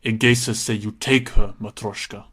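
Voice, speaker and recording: Man voicing a hulking, deep-voiced brute woman. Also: fairly even intonation, moderate pace, fairly bright tone. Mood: gruff. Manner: broken speech in a thick foreign accent. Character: huge brutish female prisoner, menacing. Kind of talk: audiobook character voice.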